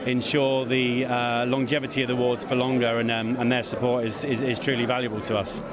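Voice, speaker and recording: A man interviewed as an event producer talks a little fast in a medium-pitched, level voice. He's effusive but somewhat hesitant, chatting casually in a theatre foyer before an event, with crowd chatter from the busy venue audible throughout.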